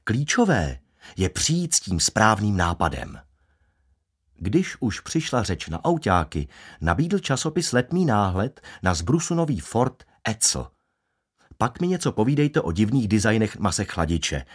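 A man narrating a first-person audiobook with dry, ironic wit. His voice sits low, and the pitch rises and falls a lot as he tells the story. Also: sing-song, breathy edge. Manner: wry, ironic.

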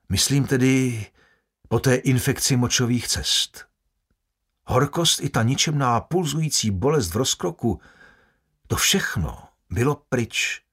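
Husky male audiobook narrator. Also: medium pitch. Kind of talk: first-person audiobook narration.

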